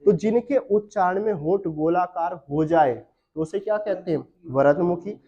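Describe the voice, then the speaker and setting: A man teaching a Hindi grammar class for exam prep. He asks questions, answers them himself, and repeats key terms slowly. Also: high-pitched, warm tone. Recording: dull lo-fi sound.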